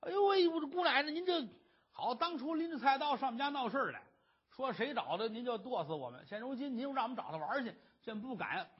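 A man's voice: very high-pitched, lively intonation, fast talker, breathy edge, voice pushed up, exaggerated voice. A man voicing a nervous gambler protesting in a flustered rush, in a dull lo-fi recording. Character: nervous gambler, cowed and whining.

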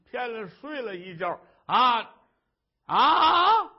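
A man's voice: extremely high pitch, very animated, slightly rough, voice pushed up, full character voice. A man doing a blustering, coaxing husband. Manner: coaxing, blustering, quick-talking. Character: doting scholar husband, boastful and coaxing. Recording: dull lo-fi recording.

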